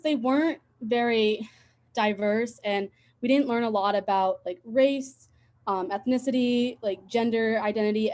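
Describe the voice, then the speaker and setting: A woman's voice: a little high, darkish tone. A woman, a prospective student, asking a question on a video call in a casual, plain way.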